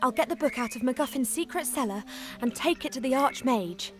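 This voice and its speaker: Young female elf adventurer, spirited, chatty, fairly high voice, video game, background music. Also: expressive, fairly quick. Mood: determined. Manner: spirited, talking to herself and her bird. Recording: music under the voice.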